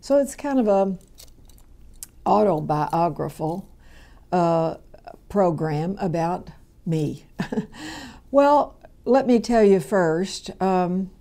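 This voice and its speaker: A woman's voice: lowish voice, animated, slow pace, pauses often, mellow. A woman, giving a conversational radio Bible teaching that rambles along with many fillers and restarts. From Kentucky, USA. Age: 70s.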